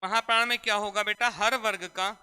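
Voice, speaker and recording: A man's voice: sits high, steady tone, fairly quick, sharp tone, smooth. A man teaching a classroom grammar lesson, repeatedly asking questions and answering them himself. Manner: repetitive call-and-response questioning. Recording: echoey hall reverb.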